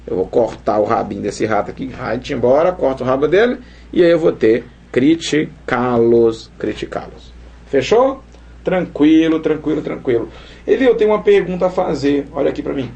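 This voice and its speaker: A man teaching Portuguese grammar in a lively video lesson, playful and colloquial, talking straight to the viewer and acting out student questions. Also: mid-range voice, normal speed, creaky, husky.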